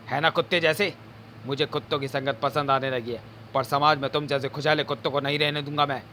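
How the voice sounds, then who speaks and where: A snarling, vengeful doctor turned dog-man spits threats in a bright, cutting voice, put on by a male narrator. He sits a touch high and keeps a growl in every line, the menace of a storybook villain. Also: a little hiss or hum.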